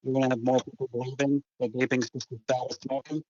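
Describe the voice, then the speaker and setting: A man's voice comes through a phone call, muffled and dull with no room sound at all. He is a guest on the line, laying out his points in a measured, deliberate way at a middle pitch. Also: flat delivery, darkish tone, no echo. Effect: heard over the phone. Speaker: phone-in guest, head of an advocacy group. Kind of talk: phone interview. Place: green room before a TV appearance.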